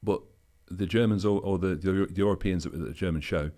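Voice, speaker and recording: A man's voice: sits low, fairly quick, mellow. A man, a pro bodybuilder guest, telling easygoing anecdotes in a casual interview chat, loose with fillers.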